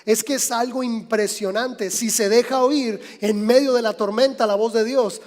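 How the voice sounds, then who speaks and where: A man's voice: very high voice, steady tone, normal speed, darkish tone. Man, Mexican accent, pastor's sermon, chatty and direct, ringing church hall. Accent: Mexican Spanish. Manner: conversational, addresses listeners directly. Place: church sanctuary. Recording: long church reverb.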